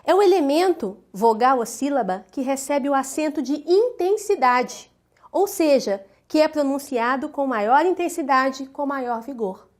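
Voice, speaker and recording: A high-pitched woman teacher delivers a scripted video lesson in a clear, deliberate voice. She slows down and punches the stressed syllable of each example word to make it easy to follow. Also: expressive. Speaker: Portuguese language teacher.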